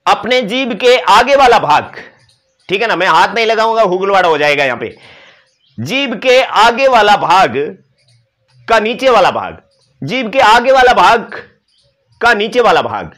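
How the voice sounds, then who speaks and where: A man's voice: high-pitched, sing-song, a little slow, pauses often, fairly bright tone. A male teacher giving an exam-prep lecture, explaining and demonstrating sounds with playful asides to his students. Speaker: Sanskrit teacher.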